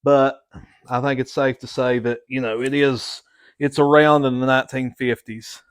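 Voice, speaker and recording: A middle-aged man speaks at a medium pitch. He hosts a casual vlog and sounds folksy and plain-spoken. His delivery is halting, as he works out what to say while he goes. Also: flat delivery, clean tone. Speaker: host of a hobby repair channel.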